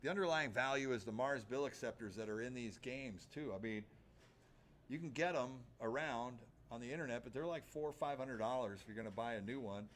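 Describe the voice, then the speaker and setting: A man runs a live auction as the auctioneer. He chants bids in a rhythmic patter, repeating numbers and stock phrases over and over. His pitch sits in an ordinary middle range for a man. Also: a little fast, slight background noise.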